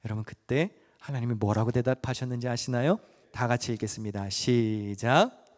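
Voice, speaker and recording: A man's voice: mid-range voice, normal speed. A man preaching a sermon in a large church, dramatic and acting out the voices he quotes. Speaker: pastor. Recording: echoey hall with faint music.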